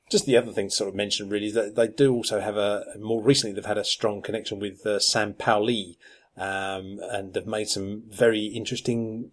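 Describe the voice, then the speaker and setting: A man co-hosting a podcast, chatting casually with plenty of ums and restarts. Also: on the low side. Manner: rambling, lots of ums and restarts. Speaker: podcast co-host. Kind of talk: casual chat.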